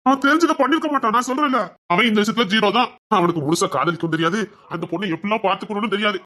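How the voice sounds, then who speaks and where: A caring father, fairly high voice, quick, soothing, coaxing, repeats himself. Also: sharp tone. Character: caring middle-aged father comforting his daughter. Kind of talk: TV serial drama.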